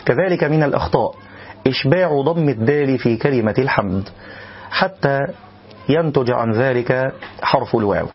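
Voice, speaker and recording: A man giving a measured spoken lesson, breaking into slow, drawn-out chanted examples as a recitation teacher. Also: mid-range voice, muffled recording, a little hiss or hum.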